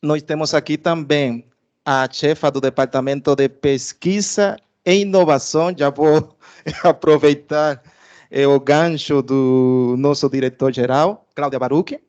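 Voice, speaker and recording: A man with a Cuban Spanish accent presents to an audience at an institutional event, his voice smooth, resonant and a little higher than most men's. He hesitates often, filling the pauses with drawn-out filler sounds. The audio is dull and lo-fi. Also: steady tone, darkish tone. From Cuba. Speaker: research director giving an institutional presentation.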